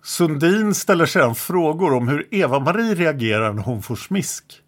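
A man narrating a true-crime account in an even, sober reading voice. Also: fairly high pitch.

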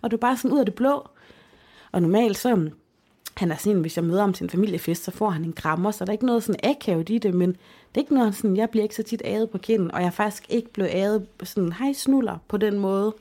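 A woman's voice: mid-range voice, warm tone. A young woman co-hosting a casual chat, telling a personal story in an emotional, chatty way with many fillers. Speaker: podcast co-host.

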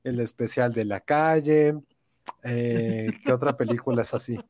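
A man's voice: mid-range voice, measured pace, a little mellow, no echo. A man hosting a film podcast in casual chat, teasing and joking with his co-hosts. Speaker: podcast host.

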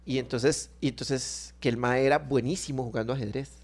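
A man's voice: medium pitch, steady tone, brisk, darkish tone. Costa Rican man telling a story casually. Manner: storytelling, rambling with restarts and sound effects. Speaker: podcast co-host. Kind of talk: casual chat.

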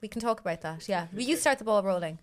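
A woman's voice: medium pitch, animated, quick pace. A woman in her late thirties, a comedian co-hosting a chat, teases dryly and laughs often. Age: 30s. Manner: dry teasing banter, laughs often. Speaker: comedian co-host.

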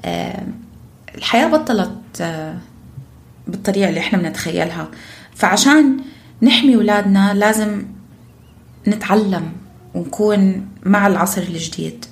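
A woman's voice: mid-range voice, moderate pace, pauses often. A woman podcast host with a Levantine Arabic accent, speaking emphatically and conversationally, with some English words mixed in. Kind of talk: conversational parenting discussion.

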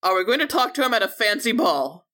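Brief: bright-voiced woman player, giggly and rambling, very animated. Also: mid-range voice, quick pace. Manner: giggly, rambling, stumbling over words. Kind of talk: casual role-play banter.

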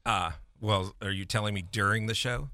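Calm, resonant-voiced man radio host. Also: on the low side, moderate pace, dry recording, studio quality. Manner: calm, even, deadpan straight man. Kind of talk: casual radio chat. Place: radio studio.

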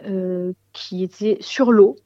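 A woman musician talks casually in an interview, often pausing to search for the right word. Her voice sits at an average pitch. The sound is very dry and a little dull. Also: steady tone, dark tone, no room sound. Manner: hesitant, searching for words.

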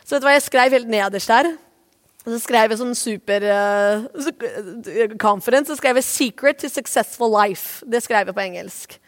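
A woman pastor giving a sermon, earnest and repeating short phrases for emphasis, then leading a spoken prayer. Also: a little high.

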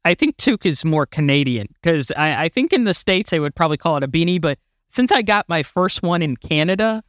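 A woman's voice: low voice, lively intonation, a little fast, no room sound, studio quality. A woman from Florida co-hosting a podcast in casual chat, bubbly and laughing often. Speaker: podcast co-host.

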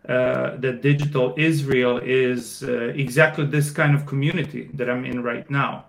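A man from Croatia in his thirties, a podcast guest talking casually about his startup, with many fillers and pauses. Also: medium pitch, fairly even intonation, gravelly, poor audio. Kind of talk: casual interview answers.

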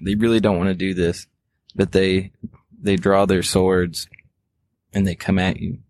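A man running a tabletop game as game master, describing the action in a relaxed way with frequent restarts. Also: low-pitched, a little slow.

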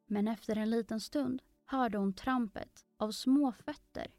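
Woman reading a kids story, calm and gentle, dry close sound. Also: a little high, dry recording, soft background music. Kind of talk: reading a children's story aloud.

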